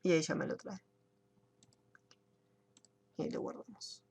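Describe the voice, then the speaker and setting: A woman's voice: low voice, measured pace, creaky, darkish tone, slightly rough. A woman teaching an online computer class, explaining each step and checking in with her students. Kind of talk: screen-share software tutorial.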